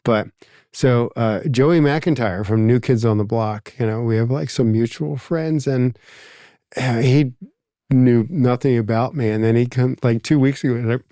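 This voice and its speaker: A man's voice: medium pitch, moderate pace, mellow, no room sound, clean studio sound. A man with a Philadelphia accent, hosting a podcast in casual conversation, reflective and rambling with lots of asides. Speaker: podcast host.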